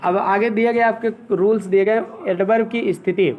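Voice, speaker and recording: Male English teacher, high voice, patient step-by-step classroom explainer. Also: fairly even intonation, moderate pace, narrow, tinny audio. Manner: explains step by step, often checking with "ठीक है". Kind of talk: classroom grammar lesson.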